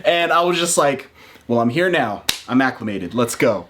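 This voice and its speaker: A young man, a new father and vlogger, telling a story with animation and jumping into a higher voice to quote people. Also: normal speed, a little hiss or hum. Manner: excitable, acts out quotes in raised voice.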